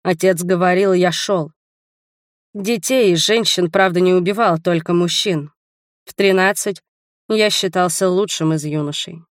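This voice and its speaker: A woman voicing a grave, tender young male swordsman who speaks quietly and slowly. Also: fairly low pitch, dry recording, studio quality, natural voice. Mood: somber.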